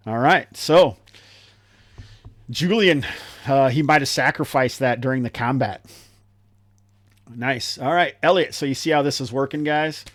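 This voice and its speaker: A man's voice: medium pitch, measured pace, pauses often, a bit bright, no echo, studio quality. A man running a live tabletop game as game master, explaining rules in a chatty way with lots of fillers.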